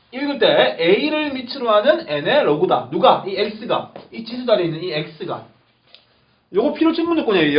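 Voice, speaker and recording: A man teaching a math lesson, repeating key terms emphatically and checking that the class understands. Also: high-pitched. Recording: echoey lo-fi classroom recording with faint hiss.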